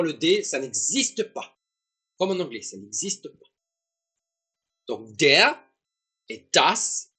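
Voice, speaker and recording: A man with a slightly raised pitch and a husky edge explains his lesson in a loose, chatty way. He drifts into joking asides now and then. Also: fairly bright tone. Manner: casual, joking, rambling asides. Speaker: German teacher. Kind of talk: online language lesson.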